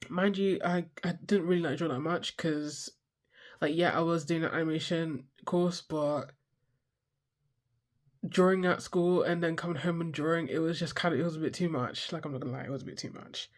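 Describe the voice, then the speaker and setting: An art vlogger in their twenties rambles casually through a sketchbook tour, swearing freely, mocking themselves, and losing track mid-sentence. The voice is mid-range, stuffy and congested, with a steady tone and normal speed.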